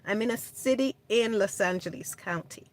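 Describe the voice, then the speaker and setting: At a normal speed and in a mid-range voice, a livestream host born in Jamaica chats from her home in California. She keeps things casual, replying to viewer comments and laughing frequently.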